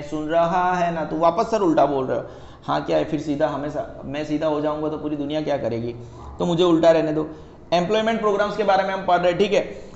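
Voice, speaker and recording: Guy tutor joking around while teaching economics, kinda high voice, roomy muffled sound. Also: a little mellow, slight background noise. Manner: jokey, teasing, talks to an imagined student, mixes in English. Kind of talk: playful classroom lecture. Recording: echoey, dull lo-fi room.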